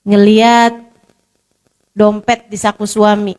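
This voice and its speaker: A woman's voice: medium pitch, flat delivery, slow pace, a little mellow. A woman preacher giving a casual, conversational sermon, full of repetition and rhetorical questions. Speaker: Islamic preacher.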